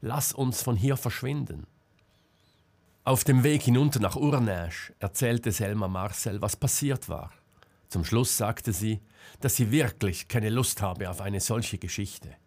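Male narrator for a novel, low voice, slow measured delivery. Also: a little mellow. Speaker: audiobook narrator. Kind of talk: scripted narration.

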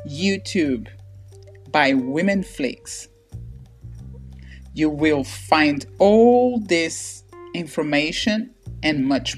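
Slow-spoken, low-pitched woman podcast host. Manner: upbeat, welcoming. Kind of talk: podcast interview.

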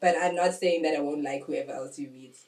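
Young woman podcast co-host, slangy and laughing; lower voice, distant roomy mic, faint noise. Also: brisk, a crowd in the background. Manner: laughs often, slangy and animated. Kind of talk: casual chat, storytelling.

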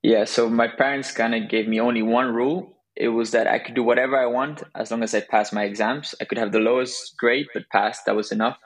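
A young man from Belgium, a guest in a podcast interview, talking in a relaxed way with frequent restarts and laughs. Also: medium pitch, brisk, few pauses, rough recording. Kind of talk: conversational interview.

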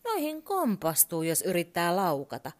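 A woman voicing a gentle, caring little toy bear in a storybook reading. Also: fairly low pitch, wildly swooping pitch.

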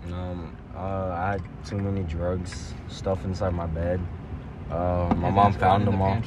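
A man's voice: low voice, level tone, measured pace, very noisy. A young man chatting as a podcast guest in his own car, swearing freely and defending himself while he tells stories. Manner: defensive, storytelling, profane. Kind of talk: casual chat.

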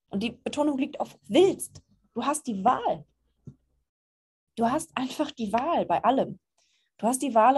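A woman's voice: medium pitch, a little mellow. A woman giving a casual, earnest talk as a spiritual course teacher, reassuring listeners and dropping frequent "ja" fillers.

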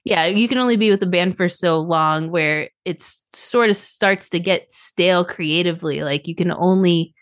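A woman touring photographer chatting casually as a podcast guest, upbeat and quick to laugh. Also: lowish voice, no room sound, poor audio. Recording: remote call, briefly garbled by a loose cable.

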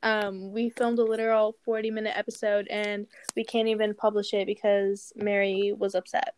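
A young woman hosting a casual group podcast over a call, giggly and self-deprecating, chattering quickly. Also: medium pitch, flat delivery, a little mellow, a little hiss or hum. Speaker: podcast host.

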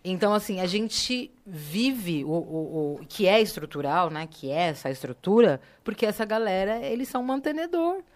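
A woman's voice: mid-range voice, very animated, moderate pace, few pauses. A woman, co-hosting a podcast in casual, slangy chat and often checking that others follow. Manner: slangy, emphatic, frequent "entendeu?". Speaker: podcast co-host.

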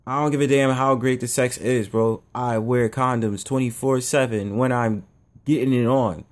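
A young man hosting his own show, giving a casual, blunt opinion monologue that rambles and circles back on itself. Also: medium pitch. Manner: rambling, blunt, repeats himself. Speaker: show host.

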